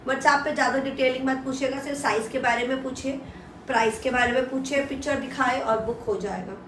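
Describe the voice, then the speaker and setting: A high-pitched woman with an Indian accent gives an off-the-cuff live sales pitch, repeating details to push buyers. She slips between Hindi and English. The mic sounds set back in an echoey room, with a little noise underneath. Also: steady tone, a little fast, a bit bright. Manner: mixes Hindi with English phrases. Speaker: live shopping presenter selling women's clothing. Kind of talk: live online sales pitch, casual and unscripted. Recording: roomy echo, distant mic, faint noise.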